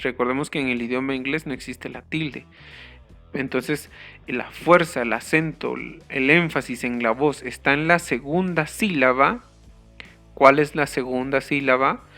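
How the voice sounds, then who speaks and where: A man teaching an English grammar lesson, explaining the rules slowly and carefully and spelling out the letters. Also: mid-range voice, sharp tone.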